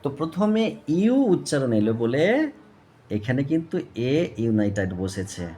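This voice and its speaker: A man's voice: medium pitch, sing-song, dark tone. A man teaching English grammar to students, spelling out words and often checking "okay?". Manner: slow, repeats and spells out words, asks "okay?". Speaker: English tutor.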